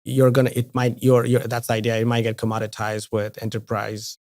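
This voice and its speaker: Guy from india, 40s, chatty interview guest, repeats words a lot, mid pitch, dry mic. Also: monotone, a little fast, darkish tone, no echo. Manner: restarts and repeats words often. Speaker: venture investor, podcast guest. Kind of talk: casual interview conversation.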